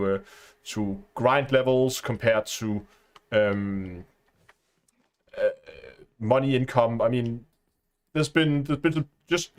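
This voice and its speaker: A man speaking as a panelist in a live casual roundtable, thinking aloud with many restarts. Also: mid-range voice.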